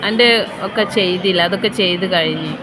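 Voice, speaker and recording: A woman's voice: fairly low pitch, a little fast, a crowd in the background, background noise. A woman, a mother coaxing and soothing her son in a hospital room. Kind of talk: casual talk to a child.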